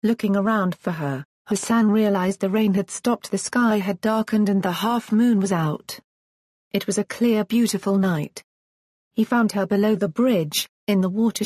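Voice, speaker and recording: A woman narrating a fantasy storybook in a measured, even reading voice. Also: medium pitch, husky, no room sound, studio quality. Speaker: audiobook narrator.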